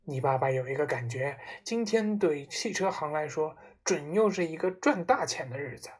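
A boastful, pompous middle-aged car dealer, put on by a woman reading a storybook aloud. He brags in a lowered, husky voice and turns to indignant shouting. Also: animated, normal speed. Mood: smug. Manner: bragging, then indignant shouting.

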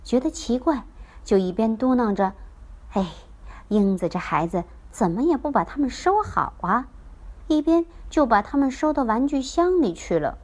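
A woman voicing a gentle, caring mother in a children's story. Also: a little high, sing-song, moderate pace. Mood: apologetic.

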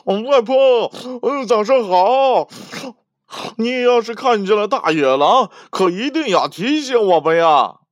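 A man's voice: sits high, expressive, slow pace, no room sound, dull audio, pitched above the performer's own voice. A man doing a chirpy little piglet boy. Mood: cheery. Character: cheerful small boy piglet.

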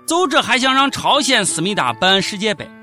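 A man's voice: sits high, very animated, a little fast, pushed and bright, soft background music. A man with a Shaanxi accent hosting a satirical comedy news show, narrating in a theatrical, exclamatory way. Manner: theatrical mock outrage, exclamatory.

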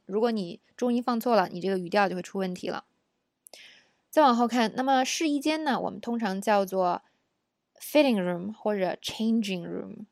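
Speaking at a medium pitch with a slightly mellow tone, a woman teaches English phrases for shopping. She's patient and chatty, using lots of fillers and tag questions and talking to the learner on the side while giving examples. The sound is dry and studio-clean.

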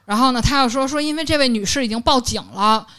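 A young woman, telling a story in lively casual chat and acting out the quotes. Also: high-pitched, quick pace, smooth. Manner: lively, animated retelling, acts out quotes. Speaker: podcast co-host.

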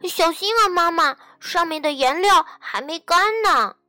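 A woman's voice: extremely high pitch, lively intonation, unhurried, sharp tone, no echo, studio quality, faint music behind, pitched above the performer's own voice, full character voice. A woman voicing an eager, anxious little girl in a bedtime storybook, asking pleading questions in a childlike way. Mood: excited.

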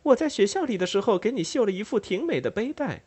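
A sweet, naive young woman from a storybook, as a man puts her on, speaking high and quick. Her voice is soft and gentle. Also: sing-song, breathy edge, full character voice. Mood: innocent.

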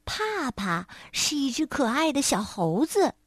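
A woman storyteller narrating a children's story, sing-song and expressive, speaking to little listeners. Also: sits high, measured pace, no echo, studio quality.

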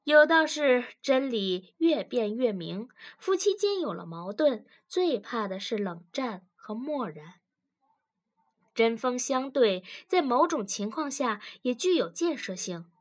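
A woman reading a story aloud in scripted narration, expressive, with wry asides. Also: on the high side, slow.

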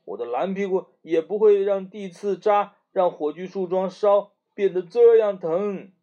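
A man voicing a small, eager ice melon plant in a children's story, higher and excited. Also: a little slow. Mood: boastful. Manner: higher, excited, whiny when hurt. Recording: muffled lo-fi recording.

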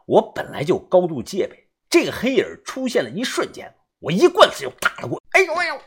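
A man's voice: high-pitched, wildly swooping pitch, fairly quick, husky. A man narrating a first-person adventure story in a conversational, dramatic way.

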